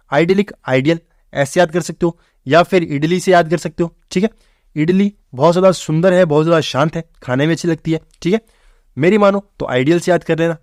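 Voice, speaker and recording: A man's voice: a little high, a little mellow, no room sound, clean studio sound. A man teaching English vocabulary for exams, explaining memory tricks and often checking in with the viewer. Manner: keeps checking in with "theek hai bhai" and quizzing the viewer; mixes English words into fast classroom Hindi.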